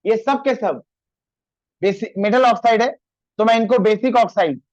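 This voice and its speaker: A high-pitched man teaching chemistry in a classroom, spelling out formulas step by step and breaking off to tell students to stop talking. The sound is dry and dull, like a basic lo-fi recording. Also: darkish tone, dry recording. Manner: dictates formulas slowly, scolds students for chatting. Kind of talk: classroom lecture.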